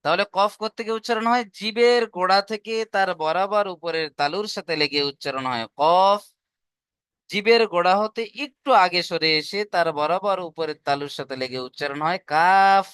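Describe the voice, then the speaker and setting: A man's voice: sits high, lively intonation, fairly quick, few pauses, fairly bright tone, smooth, no echo, studio quality. A man teaching an online class, patient and repetitive, often asking his students whether they have understood. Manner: patient, repeats points and asks checking questions. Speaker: Quran recitation teacher.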